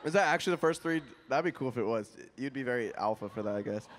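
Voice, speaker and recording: A man's voice: mid-range voice, fast talker, slight background noise. A man in his twenties co-hosting a podcast live on stage, asking the guests playful questions into a handheld mic. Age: 20s. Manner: lively, asks playful questions. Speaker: podcast co-host. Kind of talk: casual chat on a live stage. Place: convention stage before a live audience.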